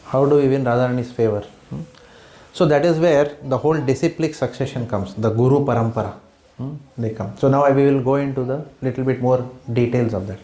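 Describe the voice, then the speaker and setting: This Bombay man, speaking with an Indian accent in a dark, medium-pitched voice, runs a devotional class in a home, and his talk blends English and Hindi. The room echoes. He regularly checks in with "hmm?" and "right?" and tests the listeners with questions.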